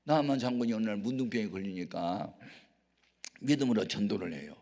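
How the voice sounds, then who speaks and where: A man pastor preaching a sermon, telling the story dramatically with emphatic swings from low talk to shouts, at a prayer retreat hall. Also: animated, brisk. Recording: reverberant hall.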